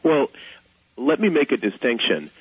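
A man's voice: mid-range voice, sing-song, normal speed, slightly rough, no room sound. A man giving hesitant, explanatory answers as a commentator in a radio interview over the phone. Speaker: guest commentator on health care. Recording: tinny phone line.

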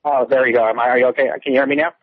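A man's voice: mid-range voice, fairly even intonation, rapid-fire, slightly rough, dry recording. Man calling in on a speakerphone. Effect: on speakerphone over a phone line. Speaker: radio show caller. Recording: tinny speakerphone line from far off.

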